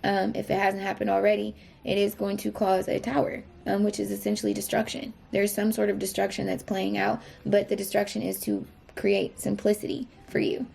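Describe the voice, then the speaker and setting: A woman's voice: mid-range voice, completely flat delivery, brisk, gravelly, few pauses, darkish tone, slightly rough. A woman doing a casual tarot reading, rambling and correcting herself as she goes, often asking if it makes sense. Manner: rambling, self-correcting, frequent fillers; asks the viewer if it makes sense. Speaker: tarot reader.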